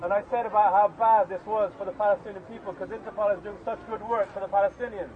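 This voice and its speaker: A man's voice: sits high, fairly even intonation, quick pace. A man speaking at an outdoor street rally, impassioned, calling on the crowd. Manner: impassioned, leads chants. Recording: tinny lo-fi outdoor recording.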